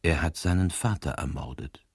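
A man reading Pater Braun, hushed priest detective. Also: very deep voice, normal speed, creaky, breathy edge, dry recording, studio quality, full character voice. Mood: grave. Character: calm, sharp-minded old male priest detective. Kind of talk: scripted narration.

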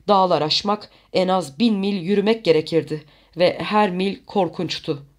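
Audiobook narrator, steady even storytelling, middle pitch. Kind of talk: scripted narration.

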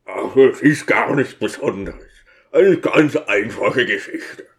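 An excitable, big-hearted deacon who can't keep quiet , played by a man reading the book. He blurts out eager questions, and his delivery is slow and drawn out. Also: lowish voice. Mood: amused. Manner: eager, impulsive outbursts.

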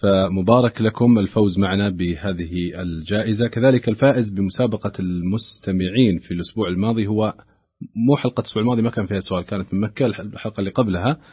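A man's voice: low-pitched, breathy edge, no room sound. A man presenting live on the radio as the host of a programme. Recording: dull, lo-fi radio broadcast.

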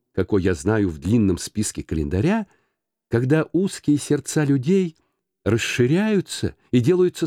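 A man's voice: mid-range voice, warm tone, no room sound. A man voicing a cheerful, earnest young man who pleads eagerly with his uncle, in a dry audiobook reading.

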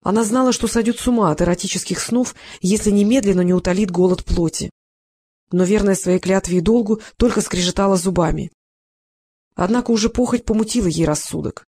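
An audiobook narrator reading a romance novel in a steady, expressive way. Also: mid-range voice, a little fast, husky.

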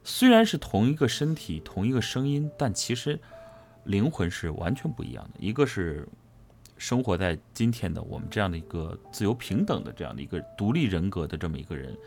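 Interviewed about his character, a voice actor gives a casual, animated explanation. His voice is lowish and brisk with vocal fry, and he's emphatic, repeating phrases for stress.

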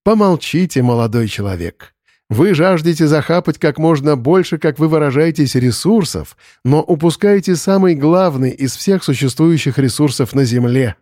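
A man voicing a calm, wise older woman who speaks in a measured, reproachful way in an audiobook. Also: a little high, no room sound, clean studio sound, close to an everyday voice. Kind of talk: audiobook character voice.

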